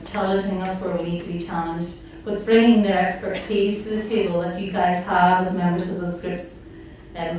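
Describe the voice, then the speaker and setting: A woman gives an earnest speech at an evening event, her slightly low voice filling with the echo of a large hall. The mic sits some distance from her. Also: darkish tone, slight background noise. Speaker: staff member at a campaign organisation.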